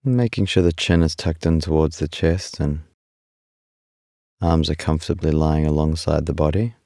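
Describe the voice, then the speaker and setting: A man guides a body scan meditation in a calm, unhurried and soothing way, leaving long pauses between instructions. His voice rumbles low, and the studio-quality recording has no room sound.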